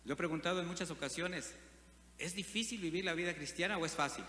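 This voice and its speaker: A man's voice: on the high side, fast, pushed and bright. A man preaching a sermon, often asking the congregation questions. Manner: asks the congregation frequent rhetorical questions. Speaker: pastor. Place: church hall. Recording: reverberant church hall with faint hum.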